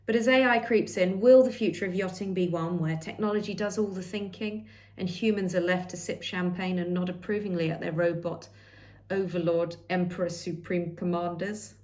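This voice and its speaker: A woman's voice: lowish voice, steady tone, normal speed, a little mellow. Middle-aged woman reading out her article, sassy and sarcastic, tossing in little asides.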